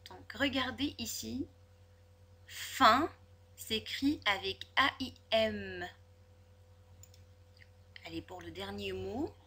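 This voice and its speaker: A woman teaching a spelling lesson to children, sounding out each word slowly and clearly, syllable by syllable. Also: fairly high pitch, pushed and bright. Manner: slow, over-articulated, syllable by syllable.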